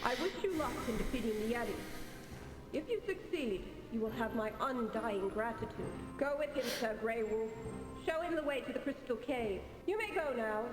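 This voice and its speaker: A woman's voice: fairly high pitch, animated, moderate pace, close to an everyday voice. A woman playing a haughty, regal ice queen in a video game, with formal, commanding delivery. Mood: regal, softened. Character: imperious icy queen, haughty but softening. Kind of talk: 1990s adventure game voice acting. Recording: echoey long reverb under game music.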